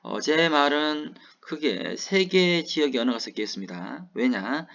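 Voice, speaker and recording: A middle-aged professor from South Gyeongsang lectures in a Gyeongsang Korean accent, repeatedly posing rhetorical questions and answering them himself. His fairly bright, creaky voice sits on the high side and is expressive, with a measured pace. The lecture recording sounds dull and lo-fi.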